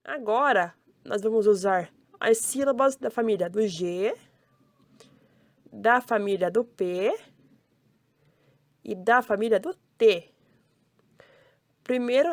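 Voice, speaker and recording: A woman's voice: medium pitch, dry recording. A young woman with a Brazilian Portuguese accent, teaching young children to read in a cheerful, sing-song voice, sounding out syllables one by one. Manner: cheerful, sing-song, addressing kids directly. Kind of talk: slow, syllable-by-syllable children's lesson.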